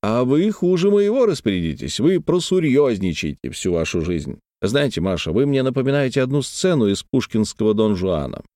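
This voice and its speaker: A man reading the part of a playful, talkative young nobleman in love, with a raised, animated and teasing delivery. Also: medium pitch, normal speed, hardly any pauses, dry recording, studio quality, lightly acted. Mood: playful, ardent.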